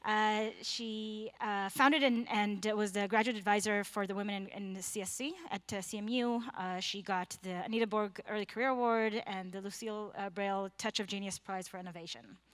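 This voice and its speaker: A woman chairing a conference session introduces the next speaker. She sounds admiring and a little halting, filling pauses with ums and uhs. Her voice sits at a middle pitch. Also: steady tone, fairly bright tone. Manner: admiring, with many fillers.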